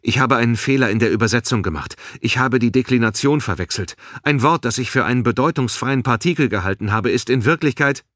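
A man voicing a panicky young translator who pleads and shouts in a high, strained voice. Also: brisk, hardly any pauses, dry recording, clean studio sound, close to an everyday voice. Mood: pleading. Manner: frantic, pleading.

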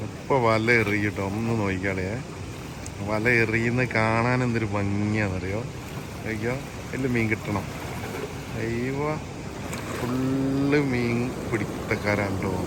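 Rushing water makes this outdoor recording noisy as an excitable man vlogs his fishing at a dam. He speaks Malayalam mixed with casual English words in a lowish voice, exclaiming and chatting with bystanders.

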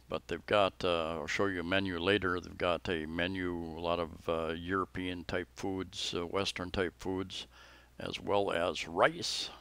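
With no echo around it, a man's low voice comes across bright, forceful, clear and resonant. He's a vlogger carrying the camera through a restaurant in the Philippines, giving casual narration and chat that is laid-back, halting and packed with fillers.

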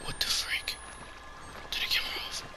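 A man's voice: normal speed, sharp tone, in a whisper. A man doing casual, slangy horror game commentary, screaming and shrieking in terror at the scares. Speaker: gamer reacting to a horror game he plays. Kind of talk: let's-play commentary, casual slangy chat.

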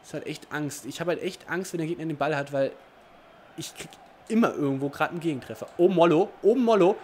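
A man commentating his own football video game match, excitable, swinging from low muttering to shouting. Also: a little fast, slight background noise. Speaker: gaming commentator. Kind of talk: live Let's Play commentary.

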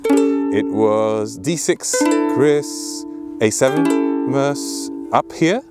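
Out in an open field, a ukulele tutor in his thirties teaches in a relaxed, playful, talkative manner, with sung examples and the instrument strummed and plucked alongside. He speaks extremely slowly at a medium pitch over loud music.

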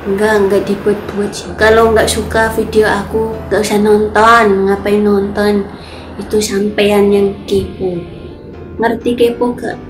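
A woman's voice: mid-range voice, level tone, a little slow. A woman in her twenties with a Javanese accent, chatting casually as a vlogger while reading viewer comments, cutesy and a bit defensive. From Central Java, Indonesia. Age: 20s. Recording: echoey room, faint music behind.

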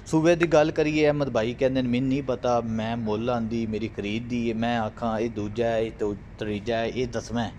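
A man's voice: medium pitch, steady tone, moderate pace, hardly any pauses, a little mellow, a little hiss or hum. A man filming outdoors on a farm with a phone camera, running a casual, friendly sales talk for viewers. He repeats himself and keeps addressing his audience as friends. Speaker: livestock sales vlogger.

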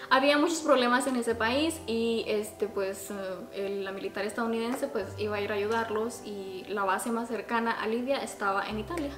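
A young woman vlogger chats expressively through a casual storytime. Her voice sits fairly high. The room adds clear echo, and music plays behind her. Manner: expressive, chatty, talks with her hands. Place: small furnished room at home, indoors. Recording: roomy home video sound. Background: background music.

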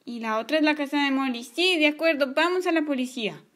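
A woman voicing an earnest young boy in a toy story, thinking aloud slowly. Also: high voice, a bit bright.

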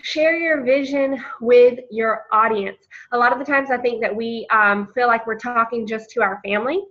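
A woman's voice: fairly high pitch, steady tone, moderate pace, fairly bright tone. A woman leading a casual coaching presentation, chatty and encouraging, often calling her listeners "you guys.". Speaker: team coach leading a training call. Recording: lo-fi webinar audio.

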